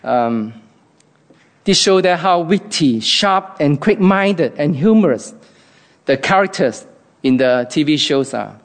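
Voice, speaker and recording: A man's voice: fairly high pitch, animated, slow pace. Earnest Hong Kong-accented man. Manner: earnest, reflective. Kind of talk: devotional talk.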